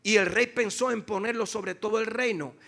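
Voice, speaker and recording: A male pastor with a high-sitting, gravelly voice preaches to his congregation, swinging between loud declarations and hushed, slow phrases. He addresses them directly and calls for their responses.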